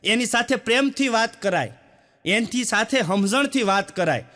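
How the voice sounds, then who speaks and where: A man voicing a wife who calmly lectures her husband on speaking gently to children. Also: sits high, normal speed, long reverb tail. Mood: preachy.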